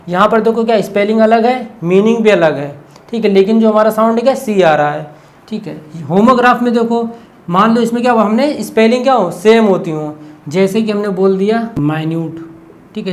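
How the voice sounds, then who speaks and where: Man, high-pitched voice, exam-prep teacher, step-by-step explaining, rhetorical questions. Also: a little mellow. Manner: explains step by step, keeps asking "what is it?" and answering, frequent "okay".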